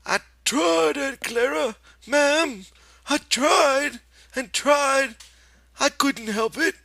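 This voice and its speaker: A man's voice: extremely high pitch, drawn-out words, creaky, sharp tone, no room sound, studio quality, voice pushed up, heavily acted. A man voicing a simple-minded, anxious big man with plaintive, folksy rural speech in an audiobook. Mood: miserable, pleading.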